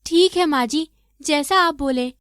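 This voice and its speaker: A woman voicing a meek, poor young daughter-in-law in an animated story, pleading and submissive. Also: sits high, a little slow, no echo, studio quality.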